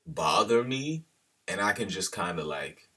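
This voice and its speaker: A man's voice: sits low, animated, measured pace, sharp tone, breathy edge, far from the mic. A man talking casually to the camera in a loose, slangy monologue that drifts off on tangents. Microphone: camera held at a distance.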